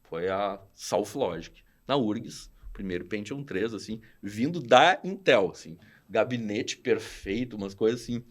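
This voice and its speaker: A lively man from Rio Grande do Sul, Brazil, a studio founder guesting on a podcast, swaps stories in a casual chat with his southern Brazilian Portuguese accent. His voice is lowish and unhurried with few pauses, and he's slangy and animated, acting out the dialogue he quotes.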